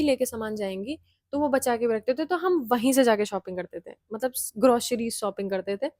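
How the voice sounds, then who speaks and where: A woman's voice: on the high side, dry recording, clean studio sound. A young woman casually telling a hostel ghost story, chatty, slipping in English phrases and laughing often.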